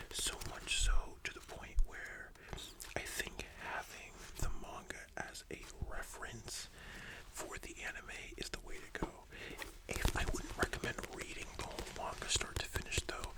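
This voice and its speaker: A person in a whispered role-play as a chatty, enthusiastic library worker, speaking in a soft, breathy library whisper with a casual, gushing manner. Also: natural voice, poor audio. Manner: hushed, casual, gushing, conversational.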